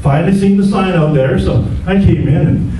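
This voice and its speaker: Older man, high-ish voice, chatty testimony style, echoey church hall heard from a distance, handheld mic. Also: a little fast, dark tone, slight background noise. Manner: chatty, laughs at his own jokes, repeats words. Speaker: church member giving testimony. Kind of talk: storytelling testimony. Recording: roomy hall audio from a far camera.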